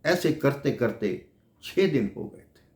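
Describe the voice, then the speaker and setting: Gravelly male devotional storyteller. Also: medium pitch, sing-song, takes it slowly, darkish tone. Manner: affectionate, addresses listeners as brothers and sisters. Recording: echoey room.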